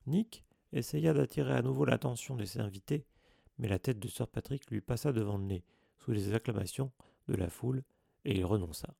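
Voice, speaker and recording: A man narrating an audiobook in a measured storytelling read. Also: medium pitch, gravelly, dark tone, husky, dry recording, clean studio sound.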